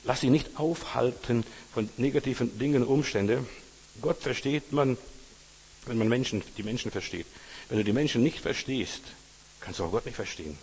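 A man's voice: mid-range voice, normal speed, a little mellow, breathy edge, long reverb tail. A man preaching a sermon informally, speaking to the listener as a friend and retelling parables. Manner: informal, addresses listener as du, retells stories with acted quotes.

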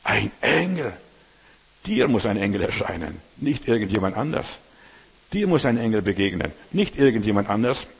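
Husky-voiced male pastor preaching. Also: fairly low pitch, big pitch swings, brisk, a little mellow. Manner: colloquial, addresses listener directly with "weißt du". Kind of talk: sermon. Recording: long hall reverb.

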